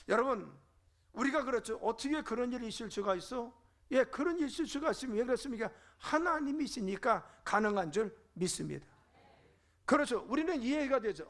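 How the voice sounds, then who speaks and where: A man's voice: extremely high pitch, vocal fry, a bit bright. A middle-aged male pastor preaching a fervent sermon in a church, asking rhetorical questions and answering them. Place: church sanctuary.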